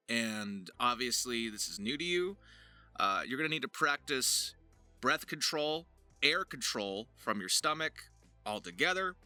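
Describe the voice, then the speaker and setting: A man with a slightly high, pushed, bright voice hosts an informal voice-acting tutorial. A voice actor and video host, he talks straight to viewers like an earnest coach.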